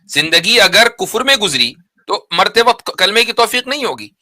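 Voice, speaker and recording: Guy hosting a religious debate, really bright forceful voice on the higher side, argues and pokes with questions. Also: very animated, normal speed. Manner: argumentative, probing, repeats points.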